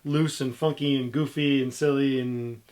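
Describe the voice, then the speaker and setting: A man's voice: mid-range voice, fairly even intonation, normal speed, a little mellow. A middle-aged man chatting casually as an interview guest, telling stories in a jokey, self-deprecating way. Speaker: interview guest, DJ and music history video maker.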